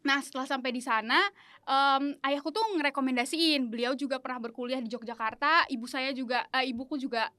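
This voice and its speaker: A young woman in her early twenties from a remote island region, chatting excitably as an interview guest. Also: sits high, brisk, no room sound, clean studio sound. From Anambas Islands, Indonesia. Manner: excitable, talkative, lots of fillers. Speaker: interview guest, veterinary student. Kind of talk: casual interview chat.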